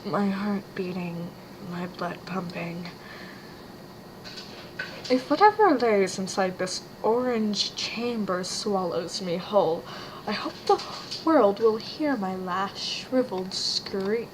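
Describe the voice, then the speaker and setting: Woman storyteller, hushed and half-whispered, unhurried pace, steady background noise. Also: medium pitch. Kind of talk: spooky second-person narration.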